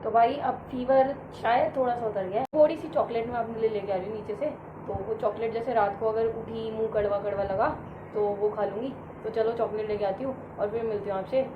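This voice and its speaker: A woman's voice: fairly high pitch, fairly even intonation, brisk, over music. A sick woman with a fever, chatting casually to the camera at home and addressing her viewers directly. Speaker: vlogger. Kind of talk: casual vlog chat to camera. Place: at home, indoors. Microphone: camera set in front of her. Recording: echoey room, dull and noisy.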